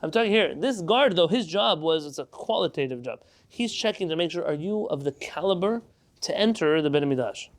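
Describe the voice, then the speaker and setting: A man's voice: a little high, animated, brisk. Man teaching a Talmud class. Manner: explains step by step, asks and answers own questions.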